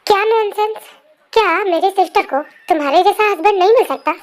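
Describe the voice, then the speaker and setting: A woman's voice: very high voice, a little fast. A woman voicing a cheeky, whiny teenage younger sister in a fan story narration, talking with a pout. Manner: whiny, pouting. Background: faint music.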